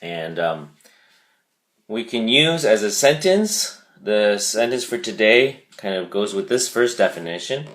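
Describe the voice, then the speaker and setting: A man teaching a vocabulary lesson, speaking deliberately and repeating key words for emphasis. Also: lowish voice, sing-song, a bit bright.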